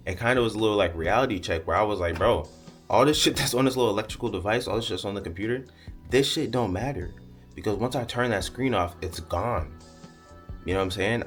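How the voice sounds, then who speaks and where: Fast-talking deep-voiced young man. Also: a bit bright. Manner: profane, rambling, smiles and half-laughs while talking. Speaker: content creator. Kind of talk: casual candid monologue to camera.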